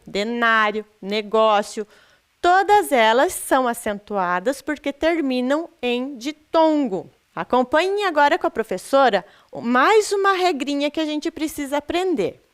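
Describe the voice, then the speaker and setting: A woman's voice: high voice, fairly bright tone, smooth. A Brazilian woman teaching a recorded lesson to sixth graders, patiently questioning the class and stressing syllables. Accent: Brazilian Portuguese.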